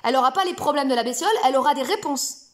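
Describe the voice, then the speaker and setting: Playful high-voiced French woman rambling. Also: animated, very fast. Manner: rambling, playful, many fillers. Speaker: self-help video host. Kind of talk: casual spoken explanation to camera. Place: home room.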